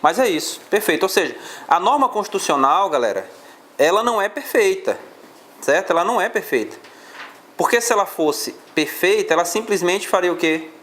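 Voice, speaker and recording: Professor brasileiro explicando em aula. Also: male voice, high voice, expressive, fairly quick, a bit bright. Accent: Brazilian Portuguese. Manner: explains step by step, asks the class questions. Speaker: law teacher. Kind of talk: classroom lecture on exam questions.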